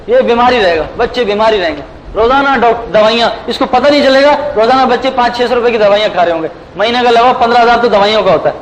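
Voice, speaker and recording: High-voiced man preaching with anecdotes. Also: slight background noise, poor audio. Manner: storytelling with anecdotes, frequent rhetorical "hai na?". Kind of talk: religious sermon.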